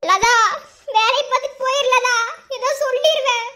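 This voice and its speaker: A woman with a Madurai Tamil accent voicing young village women in an animated family cartoon, scolding in quick slang. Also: extremely high pitch. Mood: bickering.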